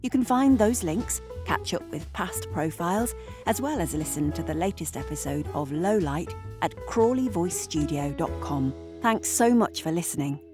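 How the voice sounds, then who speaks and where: A woman's voice: on the low side, lively intonation, moderate pace. A woman hosting an interview podcast, opening with a welcome and then asking friendly questions. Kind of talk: hosted interview. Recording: dry close mic with soft music.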